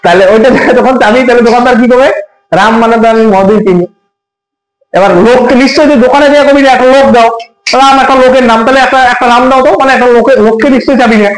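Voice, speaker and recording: A man teaches a computer class in a very high voice, chatting casually and firing questions at the students. His voice bounces around an echoey room. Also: fairly even intonation, very fast. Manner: colloquial, asks students questions often. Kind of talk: classroom lesson with everyday examples.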